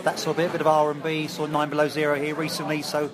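Fast, even-toned man in pub. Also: a little high. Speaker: podcast guest. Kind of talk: casual chat. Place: busy pub. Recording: busy pub chatter behind.

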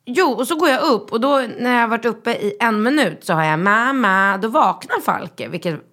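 A woman in her thirties, a mother, chatting casually and telling a lively story, acting out the voices in it. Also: on the high side. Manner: lively storytelling with acted-out dialogue. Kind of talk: casual chat.

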